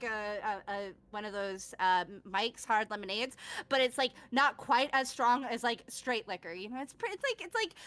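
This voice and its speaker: Woman playing a high, bright, cheeky newcomer. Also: no room sound, exaggerated voice. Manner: casual, slangy, rambling. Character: chatty, cheeky young newcomer from the modern age.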